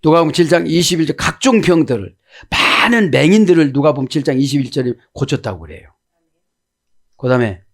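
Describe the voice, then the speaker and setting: Lively higher-voiced male preacher. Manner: constantly asks the listeners rhetorical questions; acts out the biblical quotes with shifts in pitch. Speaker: pastor. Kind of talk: expository sermon.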